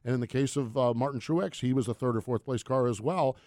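A man's voice: medium pitch, fairly quick, a little mellow, no echo, clean studio sound. A man giving emphatic, casual opinions as a sports radio panelist, repeating phrases for stress. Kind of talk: casual sports commentary discussion.

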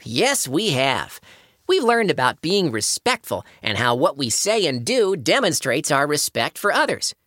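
Brief: cheerful tomato host, bright lively voice, gentle teaching manner. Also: male voice, a little high, measured pace, dry recording, studio quality, full character voice. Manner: warm, gently teaching, scripture-quoting. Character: friendly male tomato show host. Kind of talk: cartoon audio play.

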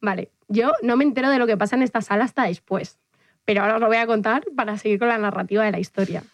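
A young woman, co-hosting a casual podcast and telling a story with animated acted-out quotes. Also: fast talker, no room sound. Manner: animated storyteller, acts out her own quotes in high squeals. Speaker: podcast co-host. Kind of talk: casual chat.

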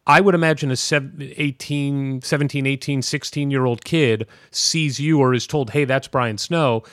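A male podcast host chats casually and asks long, winding questions. His voice sits at a middle pitch. The sound is dry and close, with no room around it. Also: fairly even intonation, normal speed, fairly bright tone, no echo.

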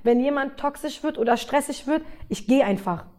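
A young woman with a high voice speaks with passion and strong emphasis. She tells her story in a casual, lively way as a podcast guest. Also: normal speed. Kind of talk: casual conversation.

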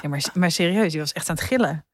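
A woman's voice: sits low, fast, no room sound, clean studio sound. A woman in her thirties co-hosting a podcast, chatting casually and laughing at herself. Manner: chatty, laughing, self-mocking. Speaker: podcast co-host. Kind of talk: casual chat.

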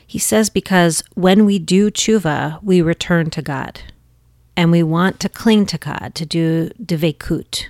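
A woman hosting a podcast, giving a gentle, earnest spiritual teaching with soft restarts. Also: fairly low pitch, a little slow, dry recording, studio quality.

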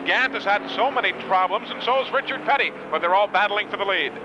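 A man's voice: high voice, fast. A man working as a motorsport commentator, calling a live race play-by-play in short bursts. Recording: muffled broadcast with loud engine noise. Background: loud race car engines outdoors.

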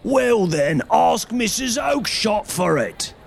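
Bellowing, fed-up market trader, raised and loud, as a man reads him. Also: high-pitched, big pitch swings, takes it slowly, creaky, voice pushed up, heavily acted. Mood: angry. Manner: shouting, threatening. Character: blustering angry male goose salesman.

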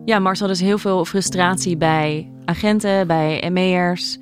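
A woman with a fairly low voice, hosting an interview and asking measured questions. She sums up what the guest says before moving on. Faint music plays underneath. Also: steady tone. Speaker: podcast host.

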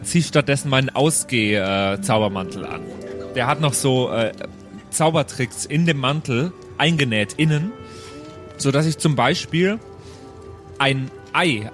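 Over background music, a man with a medium-pitched, fairly bright voice plays an improvised tabletop game. He chats casually and explains things in rambling detail.

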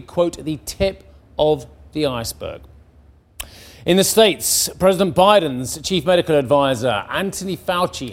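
A man presenting broadcast news, brisk and assured, with occasional conversational asides. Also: mid-range voice.

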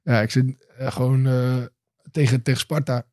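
A man, an assistant coach, speaking softly and haltingly with lots of fillers in casual podcast chat. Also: medium pitch, level tone, no room sound, studio quality.

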